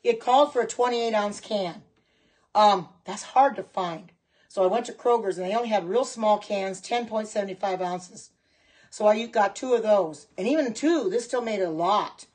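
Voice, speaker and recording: In a darkish, slightly rough medium-pitched voice at a moderate pace, a middle-aged Oregon woman chats on her livestream. As a host and kitchen products seller, she reads out viewer comments and answers them along the way.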